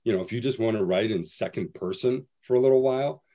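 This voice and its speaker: A man's voice: fairly low pitch, fast talker, mellow. A man speaking as a guest author on an online panel, rambling with many restarts and "you know" fillers. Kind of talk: casual panel chat.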